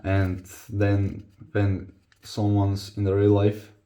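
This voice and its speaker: Taking it slowly, a young Croatian man with a lowish, dark, monotone voice talks confessionally to camera as a vlogger and football player. His English is non-native and accented, and he pauses hesitantly searching for words.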